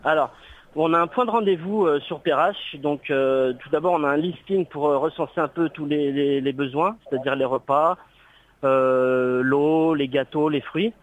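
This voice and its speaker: A man rings in to a radio show, and his voice comes through a dull, lo-fi phone line. He is a charity volunteer who speaks formally and politely, with frequent pauses, in a somewhat high register for a man. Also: no echo. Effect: phone call heard on air. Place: outdoors on a street round.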